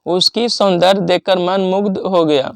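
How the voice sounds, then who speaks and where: A man teaching exam revision, reading out word lists and rules in a steady listing manner with pauses. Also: sits high, creaky, dry recording, clean studio sound.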